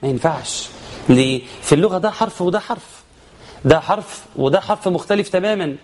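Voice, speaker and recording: A man's voice: high voice, expressive, darkish tone, a little hiss or hum. Egyptian man teaching chanted Quran recitation. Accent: Egyptian Arabic. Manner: explains quickly, then chants verses slowly. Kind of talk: tajweed lesson with chanted examples.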